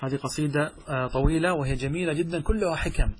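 A man teaching Arabic grammar in a lesson, questioning his students and reciting verse slowly. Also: on the high side, slight background noise. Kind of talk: classroom lesson explaining grammar.

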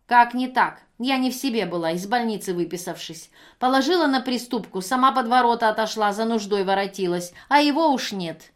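A woman reader voicing a brazen drunk vagrant woman who shouts shrilly and wails. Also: mid-range voice, moderate pace, hardly any pauses, lightly acted. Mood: shrill demanding.

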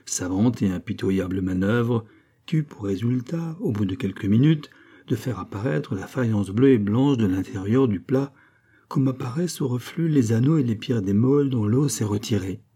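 A man reading a classic novel aloud in a measured, expressive storytelling manner. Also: mid-range voice, breathy edge. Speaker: audiobook narrator. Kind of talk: literary audiobook narration.

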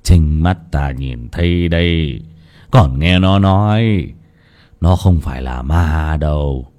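A man voicing a frightened old male village elder, speaking slowly, low and solemn. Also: animated, mellow, slightly rough, muffled recording, exaggerated voice. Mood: grave. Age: older.

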